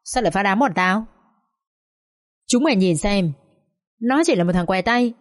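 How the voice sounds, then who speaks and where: A woman's voice: mid-range voice, animated, normal speed, lightly acted. A woman voicing a crude, jeering young male street thug in an audiobook story. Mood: aggressive.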